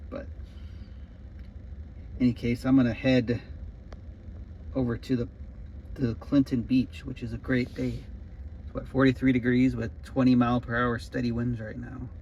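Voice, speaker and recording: Gravelly man rambling in an offhand vlog. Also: mid-range voice, level tone, moderate pace, long pauses. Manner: musing, offhand narration. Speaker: road trip vlogger. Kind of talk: casual rambling vlog chat. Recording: muffled sound with loud background noise.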